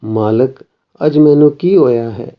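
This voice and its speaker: A man's voice: mid-range voice, measured pace, muffled recording, close to an everyday voice. A man reading a remorseful devoted young woman.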